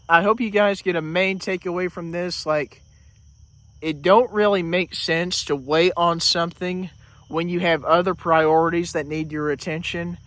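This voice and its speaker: A man's voice: a little high, fairly bright tone. A man vlogging outdoors in a casual, rambling way, full of fillers and restarts, a little out of breath. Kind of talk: casual vlog talk.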